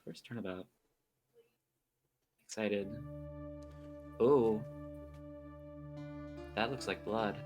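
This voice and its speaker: A man's voice: on the low side, drawn-out words, long pauses, over music. A man in casual livestream banter, greeting chat as he streams a game.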